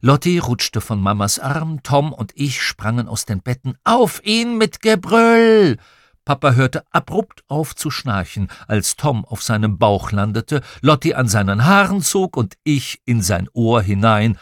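A man narrating a children's audiobook, telling the story in a lively, expressive way into a close studio mic. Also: mid-range voice, a little slow, hardly any pauses, dry recording. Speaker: audiobook reader.

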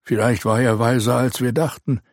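Man reading as a weary old knight leader, grave, measured, slightly raised voice, dry sound. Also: medium pitch, fairly even intonation, dry recording, voice pushed up, close to an everyday voice. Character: weary older male knight commander. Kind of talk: audiobook character reading.

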